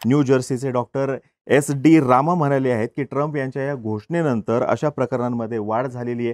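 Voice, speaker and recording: A man's voice: medium pitch, darkish tone, no echo, clean studio sound. A man hosting a news explainer, speaking steadily with occasional hesitation fillers.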